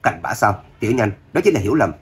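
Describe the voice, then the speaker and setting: A man's voice: lowish voice, sing-song, fast, slightly rough, heavily acted. A man voicing a smarmy, slick young man.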